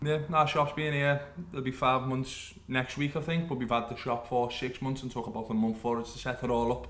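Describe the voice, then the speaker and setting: Talking a little fast with little pitch movement, this Liverpool-accented man in his twenties has a medium-pitched, slightly bright voice, and there's a little hiss or hum. He owns a vape shop and earnestly explains his views at length for a documentary, filmed inside his small shop.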